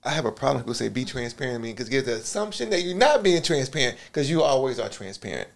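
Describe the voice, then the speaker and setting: A man's voice: medium pitch, sing-song, gravelly. A middle-aged man co-hosting a relationship talk show, speaking emphatically and informally. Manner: quick, emphatic, informal, interjecting. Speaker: podcast co-host. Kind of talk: casual couple conversation.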